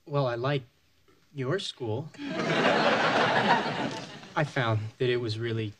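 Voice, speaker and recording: An actor playing a sarcastic, awkward teenage son with deadpan, wisecracking delivery. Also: male voice, mid-range voice, slow, lightly acted. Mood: wry. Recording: noisy sitcom TV audio.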